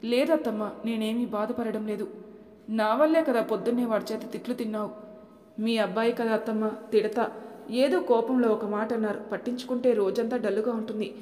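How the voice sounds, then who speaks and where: Woman playing a meek dutiful young wife, soft polite voice, lots of room echo. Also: on the high side, fairly even intonation, fairly quick, natural voice. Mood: reassuring. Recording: echoey room with long reverb.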